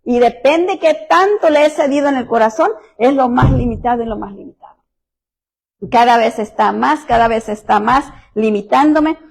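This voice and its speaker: A woman's voice: on the high side, normal speed, creaky. A middle-aged woman pastor, preaching a sermon and telling personal stories in a conversational way that speaks directly to the listeners.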